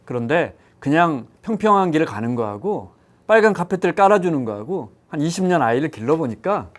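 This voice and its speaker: Animated middle-aged Korean man telling stories. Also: a little high, brisk. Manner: storytelling, animated quoting of others. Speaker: economics show panelist. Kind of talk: casual chat.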